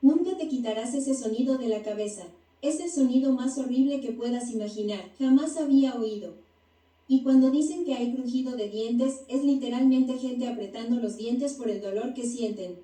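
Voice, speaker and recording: A woman narrates a first-person testimony in an even, read-aloud voice-over. Her tone is deeply mellow and a little high. She sounds set back from the mic in an echoey space. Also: normal speed, distant mic. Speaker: narrator of a near-death testimony.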